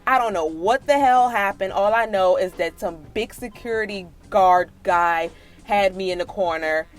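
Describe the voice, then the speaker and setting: Faint music plays behind a woman's medium-pitched voice, moving at a moderate pace. She's an American vlogger telling a personal story and offering advice, addressing listeners directly like a sister, with emphatic, slangy, casual delivery.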